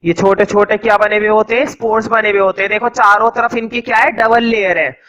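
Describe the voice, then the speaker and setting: Bright-voiced male teacher dictating notes. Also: high voice, little pitch movement, lo-fi sound. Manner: dictates notes slowly word by word, then explains in quick casual asides; quizzes students with rhetorical questions. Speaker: science teacher. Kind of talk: classroom lecture.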